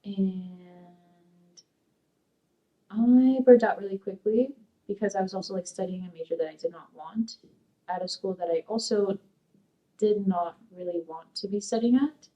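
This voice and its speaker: A woman's voice: mid-range voice, unhurried, mellow, distant mic, lo-fi sound. A young woman from Peru raised in Sacramento, a college student answering oral history questions in a rambling, hesitant way with many fillers. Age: young adult. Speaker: interviewee, community college student. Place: dark studio, seated.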